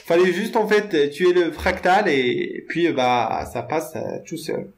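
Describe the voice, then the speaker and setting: Slow-talking joking gamer guy. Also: on the high side, lively intonation. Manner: joking and rambling, talks to viewers, stammers repeated words. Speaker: gamer narrating his own play. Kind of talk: casual let's-play commentary.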